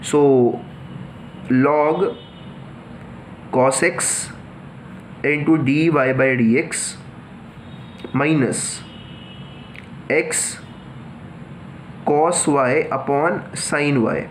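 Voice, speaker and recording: A man's voice: on the high side, a little hiss or hum. A man teaching a math lesson, explaining step by step and mixing Hindi with English, often asking a question and then answering it himself. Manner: addresses students as children, asks and answers his own questions.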